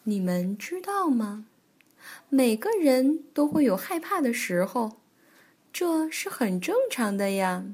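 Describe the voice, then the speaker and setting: A woman voicing a kindly old grandmother bear in a children's storybook, speaking softly and lower than her own voice. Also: sing-song, slow pace, husky, heavily acted. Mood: gentle. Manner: soft, kindly, soothing.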